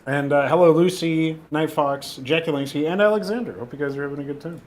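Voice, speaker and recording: Talking at a quick pace in a voice on the high side, a young man streams casually, rambling along with fillers and restarts. A lingering cough comes through as he chats.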